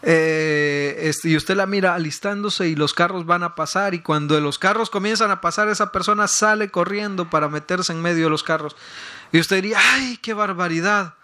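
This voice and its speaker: Pastor guy preaching, high and bright, keeps repeating words and getting loud. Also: normal speed. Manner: emphatic, rises to loud peaks and repeats words. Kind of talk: sermon.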